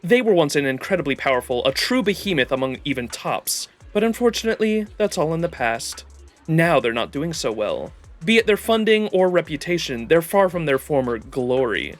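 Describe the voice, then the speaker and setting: A man voicing a worldly, cynical video game collector in a measured, formal, knowing manner. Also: fairly high pitch, big pitch swings, soft background music. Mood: wary, knowing. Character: worldly, cynical collector wary of high society. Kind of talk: reading story-game dialogue aloud.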